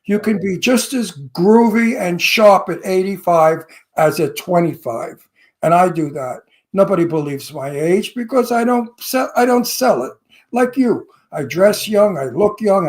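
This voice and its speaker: A man in his eighties co-hosts a celebrity interview show, his high-pitched, slightly mellow voice animated yet unhurried. He gushes with emphatic, lavish compliments, restarting phrases and repeating words as he begins sentences.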